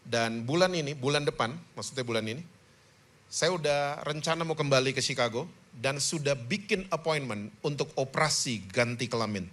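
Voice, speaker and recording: A man voicing a soft-spoken grown man who confides in a pastor, quietly and earnestly, with small halts. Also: medium pitch, moderate pace, natural voice.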